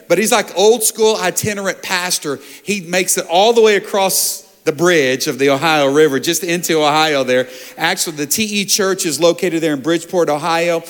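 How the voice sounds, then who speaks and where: A man's voice: fairly high pitch, fairly bright tone. A man speaking informally as a church's host pastor, encouraging the congregation and prompting it for responses in a large auditorium. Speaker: church pastor hosting and introducing a guest speaker. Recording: reverberant hall sound.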